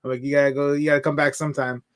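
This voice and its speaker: A man's voice: on the high side, flat delivery, rapid-fire. A man in his forties hosting a casual livestream chat, laughing often and reading out viewer comments. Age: 40s. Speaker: stream host.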